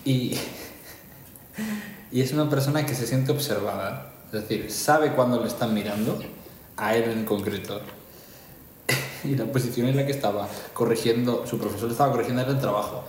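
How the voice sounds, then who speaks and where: A man's voice: medium pitch, a little fast, a little mellow. A young man co-hosting a podcast, telling stories and joking in casual chat, with occasional laughs. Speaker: podcast co-host. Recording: very echoey room, faint background hiss.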